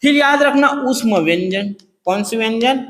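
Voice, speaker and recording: A male teacher giving an exam-prep lecture, asking questions and answering them himself, and slowly repeating key phrases. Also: extremely high pitch, animated, fairly bright tone. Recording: echoey room with long reverb.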